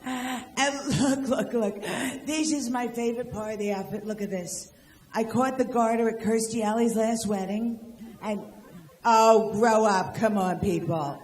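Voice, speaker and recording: A woman's voice: on the high side, roomy sound. An older woman doing a stand-up comedy set, firing off brash jokes and teasing people in the audience. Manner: brash, rapid-fire jokes and crowd work. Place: live venue with audience.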